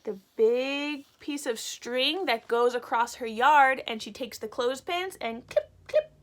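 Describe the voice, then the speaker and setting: In a high-pitched voice, a woman reads a picture book aloud for young children, animated and full of expression. She breaks off to give simple explanations of words the way a teacher would.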